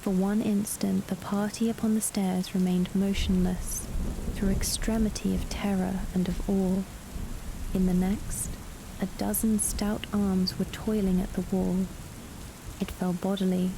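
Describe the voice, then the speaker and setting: A woman with a soft, gentle, sometimes breathy voice reads a gothic tale in a measured ASMR style. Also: mid-range voice, little pitch movement, noisy background. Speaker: story narrator. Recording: loud rain and storm sounds. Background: rain and storm ambience.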